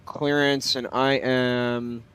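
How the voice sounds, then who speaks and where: Man, flight sim streamer, clear smooth voice, casual, hesitant, thinking aloud. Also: mid-range voice, flat delivery, takes it slowly, a bit bright. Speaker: flight simulator livestreamer. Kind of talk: casual livestream commentary with pilot radio calls.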